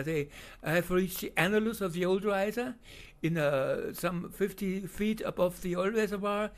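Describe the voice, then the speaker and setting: A high-pitched man with a German accent provides improvised voice-over for video clips. He halts repeatedly, leaning on fillers and restarting lines.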